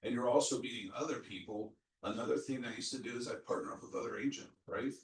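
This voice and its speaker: A man on a discussion panel, speaking conversationally and giving practical tips with quick asides. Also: mid-range voice, fairly even intonation, slight background noise. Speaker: real estate agent panelist. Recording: echoey room, mic at a distance.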